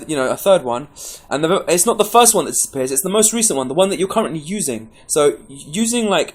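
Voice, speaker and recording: A man giving a casual, rambling gameplay tutorial, chatty and full of restarts. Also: a little high. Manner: caffeinated, pepped up. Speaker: game guide presenter.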